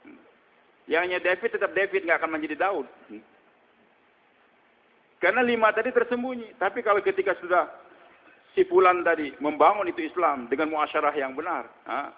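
A man delivers a sermon in a high voice, questioning his listeners and answering himself as he tells stories. His voice rings with long reverb through a large hall. The recording is dull and lo-fi. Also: brisk, long pauses. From Indonesia. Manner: storytelling, asks questions and answers them, frequent hums. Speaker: preacher.

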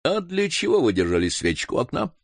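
Guy doing a strict demanding young baronet, raised pitch, dry sound. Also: huge pitch swings, a little fast, no room sound, heavily acted. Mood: stern. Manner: stern, commanding. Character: stern young male baronet, demanding answers.

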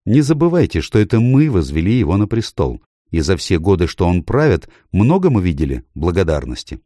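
A man's voice: low voice, big pitch swings, brisk, dark tone, dry recording, clean studio sound. A man reading an audiobook, voicing a cautious, scheming nobleman who speaks in a wheedling, conspiratorial way.

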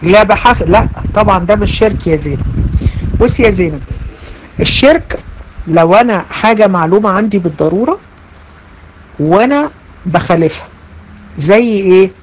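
A woman with an Egyptian Arabic accent gives an online religious lesson as a religion teacher, her mid-range voice expressive and emphatic at a moderate pace with long pauses. She repeats her phrases and speaks directly to her students. The audio is poor, with a little hiss or hum.

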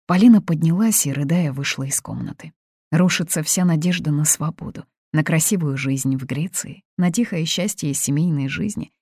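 Woman narrating a book, deep husky voice, close and dry. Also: moderate pace, warm tone, dry recording. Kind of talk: audiobook narration.

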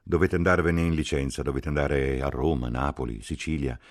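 A man's voice: extremely low pitch, steady tone, normal speed. A man voicing a firm, matter-of-fact army major giving orders. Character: brisk older male army major.

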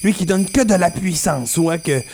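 High-voiced Québécois man explaining games. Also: normal speed, vocal fry, darkish tone, slight background noise. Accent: Québécois French. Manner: eager explaining, frequent hesitations. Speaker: video game columnist. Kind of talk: casual radio chat.

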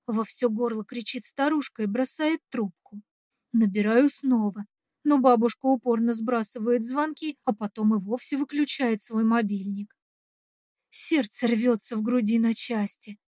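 A woman's voice: a little high, a little slow, mellow, no room sound, clean studio sound. A woman reading a first-person dramatic story aloud, emotive, tense and urgent. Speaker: audiobook narrator.

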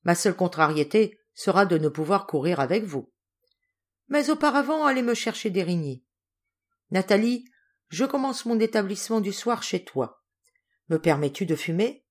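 A woman's voice: medium pitch, animated, normal speed, close to an everyday voice. A woman voicing a stern, irascible old male general in a storybook reading, speaking harshly. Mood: jovial. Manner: harsh, scolding.

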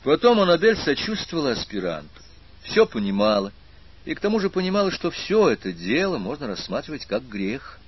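A man narrating an audiobook in a measured, expressive reading with a husky voice. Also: mid-range voice, highs cut off. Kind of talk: scripted narration.

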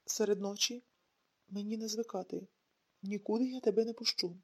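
A woman's voice: medium pitch, steady tone, moderate pace, breathy edge, lightly acted. A woman reading an audiobook, voicing a bewildered young man who mumbles placating words. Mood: insistent.

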